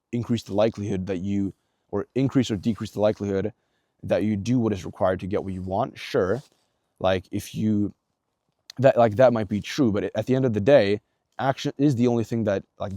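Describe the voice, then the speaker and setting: Speaking at a normal pace in a lowish, mellow voice, this young vlogger coaches the viewer directly on self-improvement. His talk is casual, blunt and earnest, thick with swearing, filler "likes" and false starts. Clean, dry studio sound.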